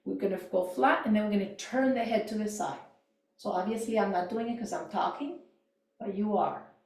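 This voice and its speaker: A woman instructor leads a gentle yoga and mindfulness class, giving calm, unhurried cues for movement and breath. Her voice sits at an ordinary middle pitch and tends to fade softly at the ends of lines. She is heard from some distance in a roomy, echoing studio. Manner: calm, gentle cueing with soft trailing endings. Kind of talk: guided movement and voice exercise class. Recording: echoey room, voice off-mic.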